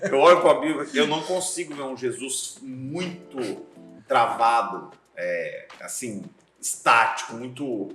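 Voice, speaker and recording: Deep-voiced pastor telling lively stories. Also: male voice, unhurried, echoey room, faint music behind. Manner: lively storyteller, acts out scenes, laughs often. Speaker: seminary professor and pastor, guest. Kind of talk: casual podcast chat.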